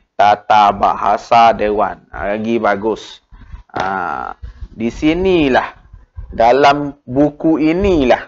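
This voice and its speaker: Patient Malaysian Malay man teaching, lo-fi. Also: medium pitch. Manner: patient, coaxing, fills with "ha". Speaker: primary school teacher. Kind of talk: video grammar lesson. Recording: dull lo-fi audio.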